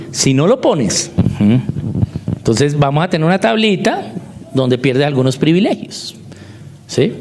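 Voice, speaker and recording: A man giving a teaching talk on homeschooling, who keeps checking in with his listeners through short rhetorical questions. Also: fairly high pitch. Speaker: homeschooling speaker.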